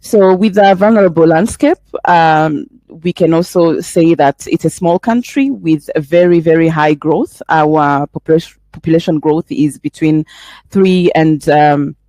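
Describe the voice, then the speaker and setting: A woman's voice: sits low, measured pace, dark tone, dry recording. A woman from Rwanda giving a webinar presentation, earnest and full of fillers as she presses through her points. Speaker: presenter for a young professionals group.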